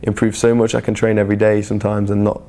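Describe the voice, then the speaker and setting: A man's voice: lowish voice, monotone, fast, dark tone. A man, a professional free runner talking reflectively in a documentary interview. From England. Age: 30s.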